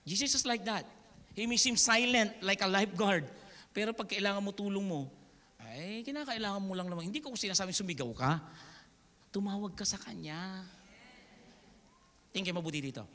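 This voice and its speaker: A Filipino-accented male pastor delivers an animated, joking sermon. His voice is high, bright and swings widely in pitch. It carries through a reverberant hall. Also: moderate pace, pauses often. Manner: animated, joking, mixing English and Tagalog.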